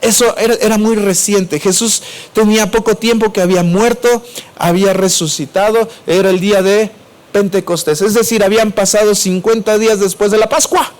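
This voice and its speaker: A preacher with a Mexico City accent and a fairly high voice delivers his sermon to the congregation. He keeps putting questions to them and answering them himself. His voice rises for emphasis and then drops low and soft. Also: fairly even intonation, normal speed. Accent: Mexico City Spanish. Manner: swings between raised and dropped voice.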